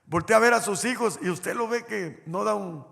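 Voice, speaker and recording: A man's voice: sits high, normal speed, vocal fry, a bit bright. A man preaching a sermon as pastor, telling a personal story and speaking straight to the congregation. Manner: storytelling, addresses the congregation directly. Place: church hall. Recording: church hall reverb.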